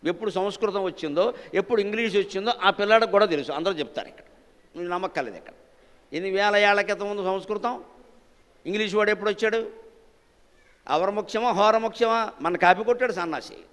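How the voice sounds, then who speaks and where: A man's voice: high voice, very fast, fairly bright tone, long reverb tail. A man giving a religious discourse, emphatic and scornful, firing off rhetorical questions at his audience. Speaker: spiritual discourse speaker. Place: temple hall in front of a live audience.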